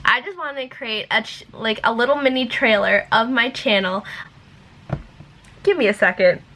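A woman's voice: a little high, moderate pace, bright, forceful tone. A woman chatting casually to her vlog camera, rambling and giggly, talking with a retainer in and short on sleep. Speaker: YouTuber.

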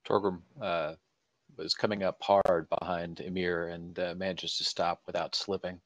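Deep gravelly man, halting. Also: flat delivery, no echo, highs cut off. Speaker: player. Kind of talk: tabletop game play.

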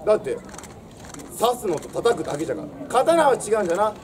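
In old samurai speech, a young man stages a theatrical history lesson outdoors, projecting in a swaggering, declamatory storyteller style before a castle stone wall. His voice is high, sing-song and brisk, captured far from the mic with crowd, birds and traffic around.

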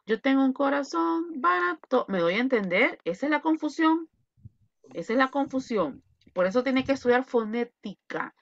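Woman, English teacher, online class, slow drilling repetition, slightly high voice, dry, slightly dull call audio. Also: big pitch swings, vocal fry, dry recording. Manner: drills words slowly and repeats them. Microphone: video call.

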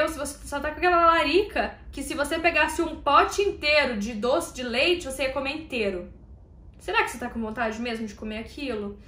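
In an echoey room, a woman with a high-pitched, slightly bright voice teaches belly dance online. Her lesson talk is casual, slangy, and encouraging.

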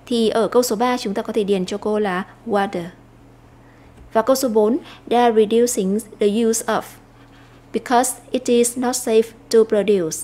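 A Vietnamese woman teacher explaining an English lesson, slowing down to read English phrases aloud. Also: fairly high pitch, fairly even intonation, mellow.

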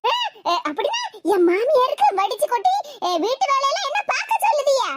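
A woman voicing a chattering, mocking young village wife with a Tirunelveli accent in an animated cartoon. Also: very high-pitched, a little fast. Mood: gossipy. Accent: Tirunelveli Tamil. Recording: hissy home recording.

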